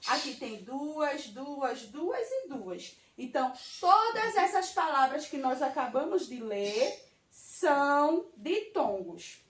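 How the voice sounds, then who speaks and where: A woman's voice: high-pitched, sing-song. A woman teacher with a Brazilian Portuguese accent, giving a patient children's grammar lesson and checking often that the class follows. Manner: slow, patient, checks in with "tá certo?". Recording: roomy, from a distance.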